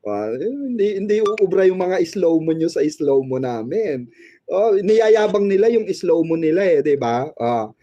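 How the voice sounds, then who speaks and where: A man's voice: sits high, big pitch swings, measured pace, warm tone, dull audio, faint music behind. A man hosting a fan channel, chatting about showbiz in a gossipy, teasing way and laughing often. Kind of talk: casual showbiz commentary.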